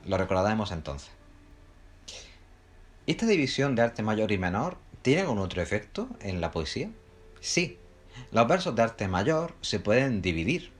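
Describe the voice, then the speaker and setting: A man teaches a recorded lesson. His voice sits low but swings widely in pitch as he explains each point step by step. He poses questions to the class and answers them himself. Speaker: literature teacher. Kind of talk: recorded lecture for students.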